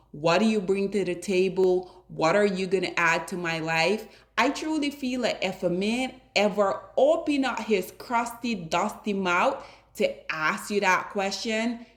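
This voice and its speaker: A woman hosting a commentary video, lecturing her viewers directly in a preachy, emphatic way. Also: lowish voice. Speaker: commentary host. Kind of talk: reaction commentary to a street interview.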